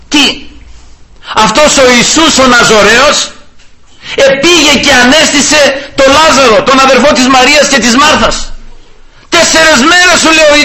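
A man's voice: very high-pitched, sharp tone. Fiery man preaching a sermon. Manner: fiery, keeps calling out to the brothers with rhetorical questions; reads scripture in an old formal cadence, then preaches freely. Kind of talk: sermon with scripture reading.

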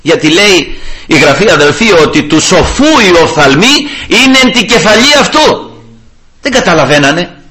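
A man delivers a fiery sermon, his high voice leaping up and down as he hammers his congregation with rhetorical questions. He reads scripture in a formal cadence before preaching in a bright, forceful tone. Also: lively intonation. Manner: fiery, keeps calling out to the brothers with rhetorical questions.

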